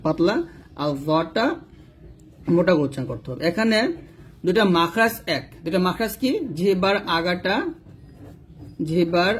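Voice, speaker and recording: A man teaching Quran letter pronunciation, slowly drilling syllables and patiently repeating each point. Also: high voice, slight background noise. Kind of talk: slow instructional explanation with drilled letter sounds.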